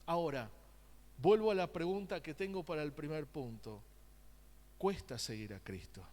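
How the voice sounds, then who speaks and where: Pastor guy preaching, pretty high voice, asks the crowd stuff, big echoey church. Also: animated, normal speed, darkish tone. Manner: preaching with call-and-response questions to the congregation; joking, conversational asides. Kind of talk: sermon. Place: church sanctuary.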